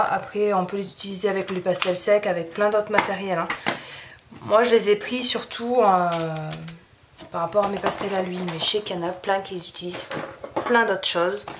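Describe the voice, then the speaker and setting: A woman's voice: mid-range voice, slight background noise. A French woman chatting casually through an art-supply haul video, rambling with many fillers and restarts. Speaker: craft youtuber showing art supplies.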